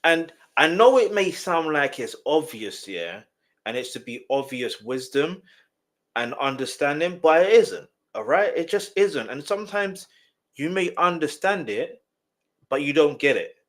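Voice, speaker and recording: A music reaction host speaks straight to the viewer in casual commentary, his slightly nasal voice often repeating words in quick bursts. He pitches on the high side with big swings up and down.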